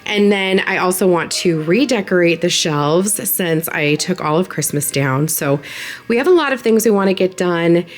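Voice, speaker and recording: A woman in her thirties with a low voice talks through a home organizing project. She sounds nasal from a sinus infection and keeps things chatty and friendly. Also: lively intonation, moderate pace, soft background music. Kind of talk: casual voice-over narration.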